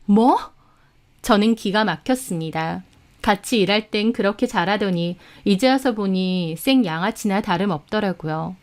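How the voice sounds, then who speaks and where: A woman's voice: medium pitch, normal speed. A woman with a mid-range voice narrates a first-person story. She tells it in an indignant, dramatic way, as if recounting a betrayal to listeners.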